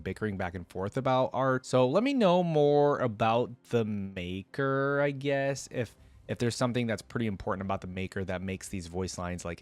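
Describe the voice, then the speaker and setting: A man with a lowish voice hosts a reaction video about game voice lines, talking informally and ramblingly as he thinks aloud. It's casual reaction commentary, recorded close to the microphone without echo.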